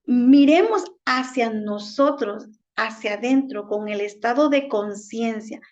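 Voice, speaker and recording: A woman's voice: on the high side, a little mellow. A woman minister with an Ecuadorian accent, preaching a sermon and asking rhetorical questions. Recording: dull lo-fi recording.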